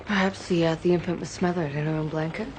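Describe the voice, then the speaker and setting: An actress playing a police lead who asks brisk, businesslike questions. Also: female voice, low voice, steady tone, close to an everyday voice. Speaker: lead investigator. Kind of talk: TV crime drama acting. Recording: background noise.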